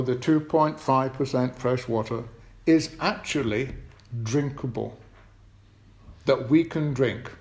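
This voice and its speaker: A man's voice: on the high side, echoey room. A man leading a children's talk at a church service, chatty, asking the congregation questions. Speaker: preacher. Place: church hall.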